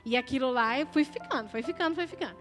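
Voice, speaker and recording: High-voiced Brazilian woman giving church testimony. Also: fast, soft background music. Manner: emotional, conversational, frequent tag questions. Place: church service.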